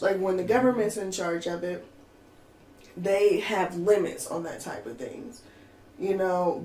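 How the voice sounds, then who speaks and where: Exasperated woman ranting in an echoey room. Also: lowish voice. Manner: animated, exasperated, ranting with many fillers. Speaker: podcast co-host. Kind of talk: casual chat. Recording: echoey room with faint noise.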